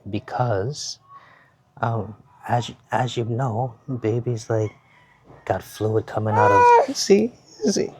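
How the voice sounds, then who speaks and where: A man giving a casual show-and-tell of sports jerseys at home, talking in an unhurried, halting way and repeating words. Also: on the low side, wildly swooping pitch, background noise. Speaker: jersey reviewer. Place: home, with his baby nearby.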